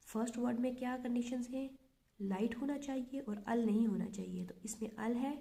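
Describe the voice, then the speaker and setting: A woman's voice: mid-range voice, creaky, mellow. A woman teaching a grammar lesson, stepping through examples methodically and repeating each check aloud.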